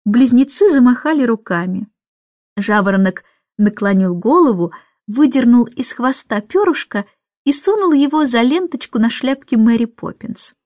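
Expressive woman narrating a children's book. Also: a little high, moderate pace, no room sound, clean studio sound. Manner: expressive, lively storytelling. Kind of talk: audiobook narration.

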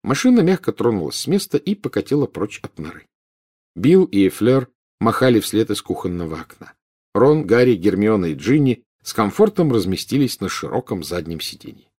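A man narrating a storybook with expressive reading. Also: lowish voice, moderate pace, husky. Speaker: audiobook reader.

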